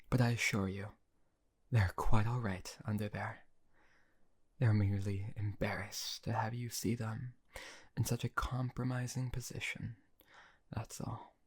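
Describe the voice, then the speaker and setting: In an audio roleplay, a man with a husky voice on the low side plays a possessive male emperor, cruel yet doting. His manner is silky and condescending, often dropping to a whisper, and his mood is commanding.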